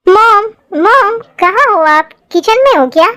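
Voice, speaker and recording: A woman's voice: very high-pitched, expressive, a little slow, bright, forceful tone, a little hiss or hum, heavily acted. A woman voicing a timid teenage schoolgirl in a Hindi fan-dub drama, pleading and easily brought to tears. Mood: earnest.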